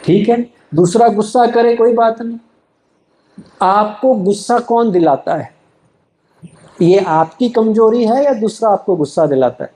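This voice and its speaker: A man's voice: high-pitched, a little slow, mellow, roomy sound, rough recording. A man giving a motivational spiritual talk to a live audience, often asking rhetorical questions and answering them himself. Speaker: spiritual speaker.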